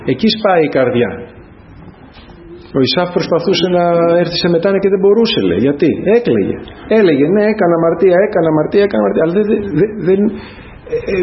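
A man preaching a sermon to a congregation, speaking earnestly and addressing them again and again as brothers. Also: on the high side. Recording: dull lo-fi sound with faint noise.

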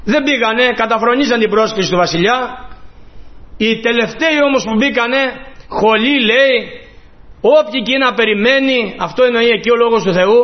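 A man with a notably high voice delivers a sermon, swinging from low, hushed phrases to loud, pleading outbursts. The recording is dull and lo-fi. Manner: fervent preaching, voicing quoted pleas and rising to loud emphasis. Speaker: priest.

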